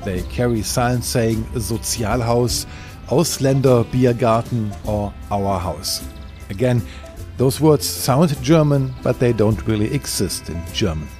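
A man narrating a documentary voice-over in a calm, explanatory way. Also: mid-range voice, slow pace, faint music behind.

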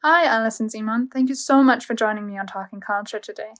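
A woman hosting a podcast, reading a smooth, even scripted introduction and asking interview questions. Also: a little high, fast, a little hiss or hum. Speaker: podcast host.

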